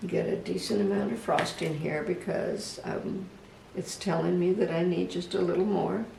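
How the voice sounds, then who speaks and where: A craft instructor giving a casual step-by-step demonstration, talking gently and unhurriedly, even chatting to the project. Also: mid-range voice, moderate pace, creaky. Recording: echoey room, voice from a distance, faint background hum.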